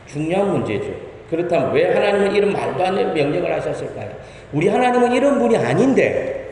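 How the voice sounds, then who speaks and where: An impassioned male pastor delivers a Sunday sermon, pressing the congregation with rhetorical questions. His voice sits slightly high and swings widely in pitch. Heavy, long reverb from the church hall surrounds every word, over a faint room hum. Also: warm tone. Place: church sanctuary.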